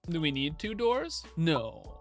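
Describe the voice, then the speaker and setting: A man's voice: a little high, sing-song, slow pace, soft background music. A young man livestreaming over a headset mic, thinking aloud in a casual, chatty way while he builds in a game.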